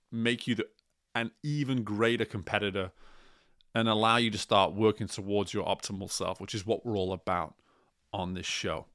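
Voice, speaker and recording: A man speaking as a coach and host in a motivational monologue, deliberate and emphatic, repeating key phrases. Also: lowish voice, fairly bright tone, dry recording, studio quality.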